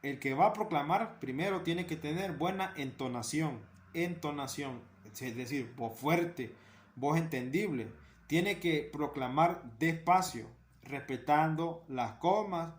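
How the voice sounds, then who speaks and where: Man explaining church liturgy, earnest, says things twice, slightly high voice, roomy echo. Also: a little slow. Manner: earnest, repeats key phrases for emphasis. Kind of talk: spoken catechesis talk.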